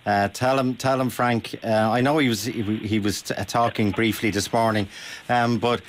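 An Irish man hosting a radio phone-in conversationally, with halting, repeated, emphatic phrases. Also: lowish voice, steady tone, a little hiss or hum.

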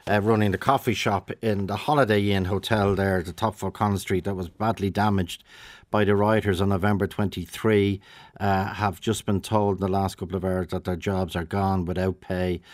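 An Irish man hosting a live radio phone-in, talking briskly and chattily with frequent restarts into a studio microphone. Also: low voice, level tone, no room sound.

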